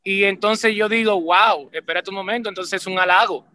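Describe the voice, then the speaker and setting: Speaking through a webcam on a video call, a musician guest in his forties leads a band and has roots in Puerto Rico and the Dominican Republic. In this casual interview his high voice, carrying a Caribbean Spanish accent, moves at normal speed with no echo. He is animated, restarts often, and keeps asking "¿me entiendes?"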